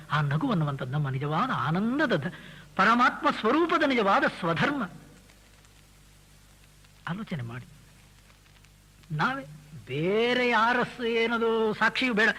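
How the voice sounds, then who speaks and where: A man with a high, bright voice delivers a spiritual discourse, explaining verses to his listeners as their teacher. He slows right down to recite each verse, drawing the lines out, then returns to plain explanation full of rhetorical questions. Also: breathy edge, low-quality recording.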